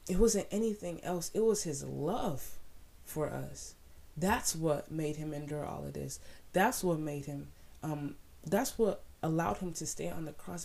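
Devotional speaker, casual Bible talk; slow, gravelly delivery, fervent and repetitive. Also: medium pitch, dark tone. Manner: fervent, repeats phrases for emphasis.

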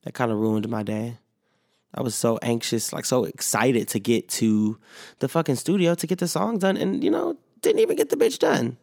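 A very animated host fills his loose solo podcast with fillers and profanity, his voice still recovering from illness. He speaks at a moderate pace with a medium, gravelly, darkish voice in a studio-quality recording without echo.

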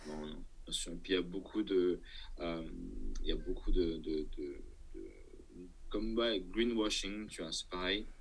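Low-voiced man, thinking aloud. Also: moderate pace, husky, poor audio. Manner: hesitant, thinking aloud, checking the listener follows. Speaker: entrepreneur guest. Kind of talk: casual interview talk.

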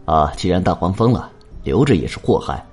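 A man voicing a burly, domineering village team leader who speaks slowly and with command. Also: low-pitched, sing-song, darkish tone, husky, voice pushed down, heavily acted.

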